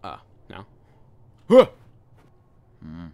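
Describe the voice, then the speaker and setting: A man's voice: very slow, warm tone. A young man giving casual, slangy gameplay commentary as a scared horror game streamer, reacting nervously as he plays. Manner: slangy, says "bro" often. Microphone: close desk microphone with headset.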